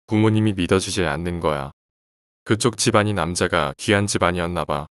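A man calmly reading out horror stories in an even, casual storytelling way. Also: low voice, no echo, studio quality. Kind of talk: scripted horror story narration.

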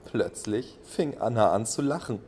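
A man narrating a children's bedtime audio play in a calm, gentle storytelling manner. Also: medium pitch, a little slow, slight background noise.

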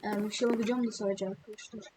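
Woman gamer narrating her play, excitable and slangy, loud noise and clicks behind her. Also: medium pitch, very fast. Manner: chatty, excitable, slangy asides to viewers. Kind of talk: casual gameplay commentary.

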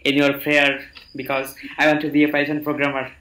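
A man from Bangladesh, a beginner speaking in a hesitant, earnest, halting way on a video call. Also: fairly high pitch, completely flat delivery, pushed and bright. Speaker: beginner participant. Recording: roomy echo.

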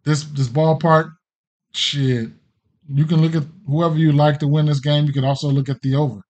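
Speaking in a level tone at a moderate pace, this sports betting host, a middle-aged American man with a somewhat higher-pitched voice, offers off-the-cuff livestream picks. His loose delivery drifts and hesitates as he thinks aloud, laced with slang and swearing.

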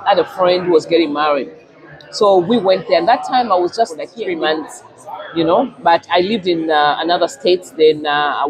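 A woman with a non-native English accent vlogging a casual chat at a restaurant, telling a story in a lively, chatty way. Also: lowish voice. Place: busy restaurant. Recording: noisy restaurant crowd. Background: restaurant crowd chatter.

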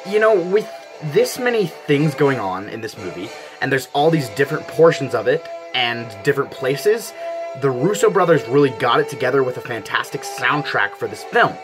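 A man's voice: medium pitch, sing-song, normal speed, poor audio. A young man casually reviewing a film, gushing with enthusiasm and filling his talk with "like". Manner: gushing, enthusiastic, frequent "like" fillers. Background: background music.

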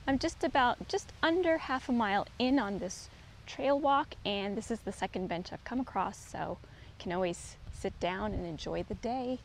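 On a low-quality recording from a handheld camera often held at a distance, a middle-aged woman vlogs while walking an outdoor forest trail. Her mid-range voice has lively intonation and a moderate pace, and she casually describes and points things out amid faint outdoor noise.

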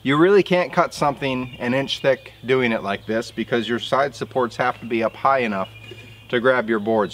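A man's voice: mid-range voice, slight background noise. Easygoing man explaining outdoors at a sawmill. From southern Indiana. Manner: casual, explanatory, folksy. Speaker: sawmill operator. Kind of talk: outdoor how-to vlog.

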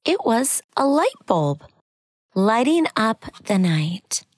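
A woman reading a picture book aloud as expressive children's narration, with exaggerated cartoon-like intonation. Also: medium pitch, dry recording.

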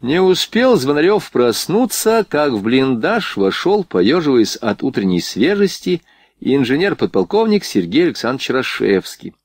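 A man's voice: medium pitch, sing-song, normal speed, no echo, studio quality. A man reading a historical novel aloud as an audiobook narrator. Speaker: audiobook reader.

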